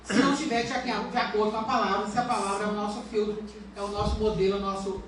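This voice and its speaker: A woman's voice: medium pitch, little pitch movement, quick pace, very echoey, slight background noise. A woman pastor giving an earnest sermon and asking her congregation questions, recorded from a distance in a church. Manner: earnest preaching with rhetorical questions.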